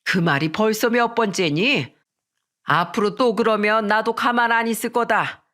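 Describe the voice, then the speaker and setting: A woman's voice: on the high side, a little slow, fairly bright tone. A woman reading the part of a stern elderly mother-in-law who scolds and commands her family. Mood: scolding.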